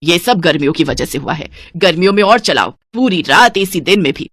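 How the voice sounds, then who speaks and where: A woman's voice: on the low side, expressive, normal speed, a bit bright, dry recording. A woman voicing a stingy, scheming old mother-in-law in a cartoon, with a scolding, penny-pinching manner.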